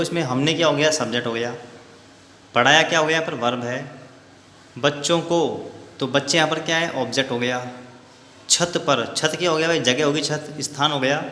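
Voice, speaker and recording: Man, grammar teacher, question-and-answer lesson style, slightly high pitch, faint hiss, very echoey room. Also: a bit bright. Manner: repeats question-and-answer prompts, slows to dictate examples.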